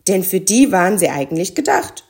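A woman voicing an earnest, hurried young boy in a children's storybook. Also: mid-range voice, sing-song, a little mellow. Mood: helpful.

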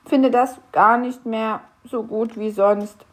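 A woman's voice: fairly high pitch, steady tone, slow. A woman voicing a small, fretful male grump elf who stammers anxiously. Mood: worried.

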